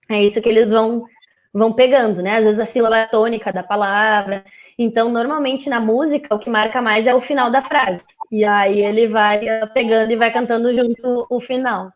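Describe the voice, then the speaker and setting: A young woman talks casually and warmly about teaching music to babies, her voice sitting a little high. She breaks into short playful sung phrases now and then. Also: normal speed. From southern Brazil. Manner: lively, sings short playful phrases to show children's songs. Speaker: music teacher and speech therapist guest. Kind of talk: casual live chat.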